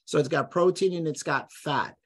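Appearing as a podcast guest in a conversational interview, a man lectures emphatically and bluntly about food and health. His voice is a little high and moves at a moderate pace, with no accent, having trained out his New York accent.

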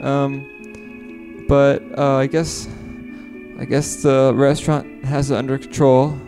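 A man's voice: mid-range voice, level tone, slow, mellow, soft background music. A man improvising a flustered husband who stammers and keeps exclaiming in surprise. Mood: panicked. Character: flustered husband caught off guard. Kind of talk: improv comedy.

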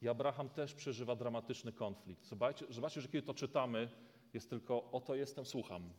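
A man's voice: medium pitch, fairly even intonation, brisk. A man preaching a sermon, retelling a scripture story in a dramatic storytelling way. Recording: long reverb of a large hall.

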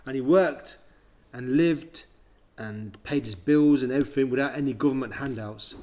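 A man's voice: medium pitch, normal speed, darkish tone, a little hiss or hum. A middle-aged man from Leicester, a writer chatting bluntly as an interview guest and telling stories with lots of "you know what I mean". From Leicester, England. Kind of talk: casual storytelling chat.

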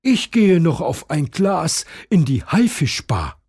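A man's voice: a little high, very animated, slow, a little mellow, breathy edge, voice pushed up, heavily acted. A man voicing a patient, good-humoured merman father who is used to the same bedtime fuss every evening.

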